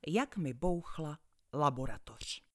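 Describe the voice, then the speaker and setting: A woman telling a children's story in the first person, with a lowish voice that rises and falls in a lively way. She is playful and expressive, and at times she drops to a dramatic hush. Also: loud music behind the voice.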